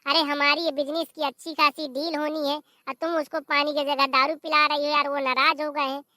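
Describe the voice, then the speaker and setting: A voice actor playing an exasperated middle-aged village husband in an animated comedy, scolding and complaining loudly. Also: sits high, brisk, dry recording, clean studio sound.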